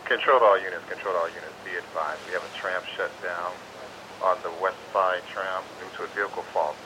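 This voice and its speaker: A man's voice: low-pitched, steady tone, fast talker. A man working as a control room dispatcher, giving procedural, repeated announcements over a two-way radio in the manner of marine radio calls. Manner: procedural, repeating key instructions. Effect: two-way radio transmission. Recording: hissy radio channel with faint noise.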